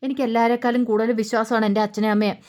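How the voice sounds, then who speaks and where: A woman's voice: fairly high pitch, little pitch movement, fast, darkish tone, lightly acted. Brief: distraught young daughter pleading her parents' innocence, put on by a woman storyteller, insistent.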